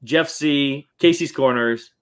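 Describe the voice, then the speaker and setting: Man rattling off shout-outs. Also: mid-range voice, takes it slowly, clear, resonant tone. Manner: rattles off long lists of names. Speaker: podcast host. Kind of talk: casual chat, reading names.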